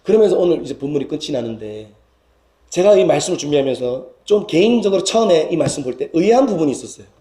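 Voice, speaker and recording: A man's voice: big pitch swings, fast talker, warm tone. A male pastor with a Gyeongsang accent, preaching a sermon earnestly and lifting his voice for emphasis. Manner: earnest preaching that rises in pitch and volume for emphasis. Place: church sanctuary. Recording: echoey church hall.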